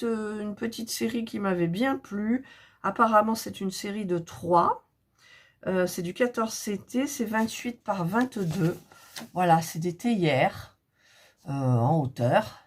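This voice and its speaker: A middle-aged woman, hoarse and recovering from a cough, chatting softly and thinking aloud as she unboxes cross-stitch kits. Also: mid-range voice, slight background noise. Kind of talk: casual unboxing chat.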